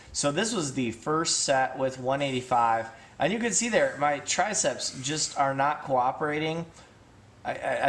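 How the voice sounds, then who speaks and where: A man's voice: fairly high pitch, fairly bright tone, a little hiss or hum. Casual rambling man in his thirties. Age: 30s. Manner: rambling, self-deprecating, frequent fillers and restarts. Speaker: vlogger and strength athlete. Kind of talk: casual talk with workout commentary.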